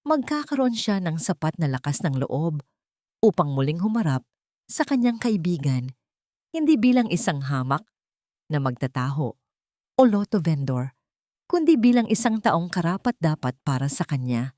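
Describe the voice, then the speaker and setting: A woman with a Filipino accent and a deep, darkish voice reads a scripted dramatic story as a storyteller, very animated and at normal speed. The sound is clean studio audio with no room sound.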